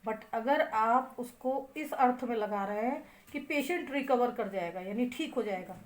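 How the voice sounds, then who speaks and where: Woman, teacher, high voice, Indian English accent, spells out letters, slow stressed syllables. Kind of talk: classroom lecture.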